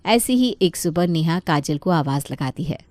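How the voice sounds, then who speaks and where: Woman narrator, cartoon moral story, steady plain telling, dry studio voice-over. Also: low voice, moderate pace, dry recording.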